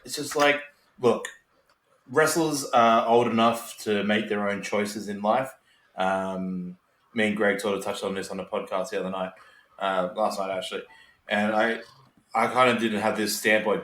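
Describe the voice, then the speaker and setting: Low-voiced man in an echoey room. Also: fairly even intonation, moderate pace, a bit bright. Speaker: wrestling podcast co-host. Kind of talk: casual chat. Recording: roomy, echoey sound.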